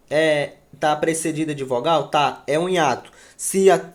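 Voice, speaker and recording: A man teaching a grammar lesson, repeating words and checking in with his students as he goes. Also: a little high. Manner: slow, repeats words and asks "certo?".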